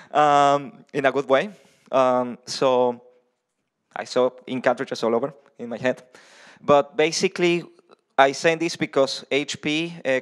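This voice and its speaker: A man from Venezuela in his thirties gives a conference talk into a handheld mic. He speaks in a loose, conversational way, restarting phrases and filling pauses with ums. His voice sits at an ordinary pitch for a man, and he is heard in a large, dark conference hall.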